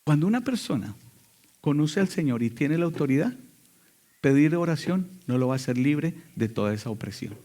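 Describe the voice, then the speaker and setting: Emphatic male pastor, slightly high voice. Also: sing-song, moderate pace. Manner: emphatic preaching with sudden loud and quiet passages. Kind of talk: sermon.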